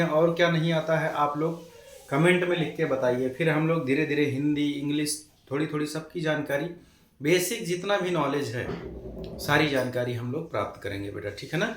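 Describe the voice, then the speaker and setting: Man, maths teacher, fairly high voice, echoey room. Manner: calls students beta, keeps asking "theek hai na"; slows down to spell out numbers. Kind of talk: casual classroom lesson.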